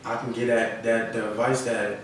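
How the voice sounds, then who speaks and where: This young rapper from North Carolina talks at a normal speed in a fairly low voice that barely shifts in pitch. During his podcast interview he's casual and slangy, repeatedly checking "you feel me," while the audio is noisy and echoey from a distant microphone.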